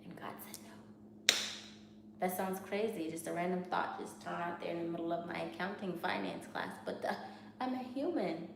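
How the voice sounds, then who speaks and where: In a study vlog, a woman with a Haitian Creole accent speaks at a moderate pace with fairly low pitch, vocal fry, and a fairly bright tone. She talks candidly and rambles, restarting sentences and repeating herself, while the very echoey room adds noise.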